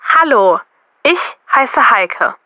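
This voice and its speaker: An actress playing a caller who phones in to a radio quiz, speaking slowly and clearly over the phone. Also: female voice, a little high, big pitch swings, no echo, full character voice. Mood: eager. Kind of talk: scripted language-learning radio dialogue. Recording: dull, dry phone line.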